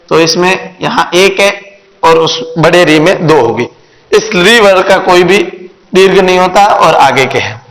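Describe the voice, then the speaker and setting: A man teaching Sanskrit grammar in a video lesson, spelling out sounds one by one in a slow, deliberate way. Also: high voice, fairly bright tone. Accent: Hindi. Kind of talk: classroom-style video lesson. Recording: echoey room with long reverb.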